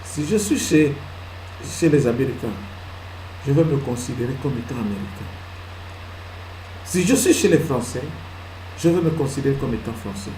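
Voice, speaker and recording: A male pastor preaching a sermon, swinging from loud emphatic peaks to hushed asides and answering his own questions. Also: mid-range voice, animated, moderate pace, pauses often, slight background noise. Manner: asks the congregation questions and answers them himself. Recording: echoey hall with faint ambience.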